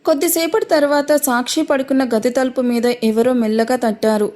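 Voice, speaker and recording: Woman storyteller, calm even reading, soft mellow voice. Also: high voice, normal speed. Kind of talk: scripted story narration.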